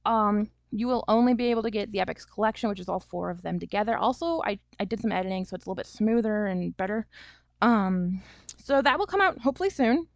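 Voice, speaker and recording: A woman's voice: mid-range voice, animated, fast talker, gravelly, dry recording, dull audio. A woman author talking casually in a vlog, chatty and loose, with many fillers and small laughs. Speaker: self-published author.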